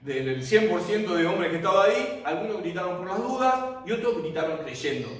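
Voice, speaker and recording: A man's voice: sits high, big pitch swings, fairly quick. A man teaching a Bible class, telling the story vividly and asking the class rhetorical questions. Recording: echoey room, mic far off.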